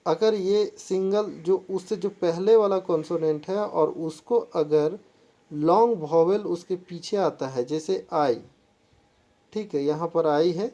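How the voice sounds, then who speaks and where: A woman teaches an English grammar lesson in a lowish, mellow voice, spelling out words letter by letter and blending Hindi with English. Reading the English rules, she goes slow and halting, in a classroom-style explanation.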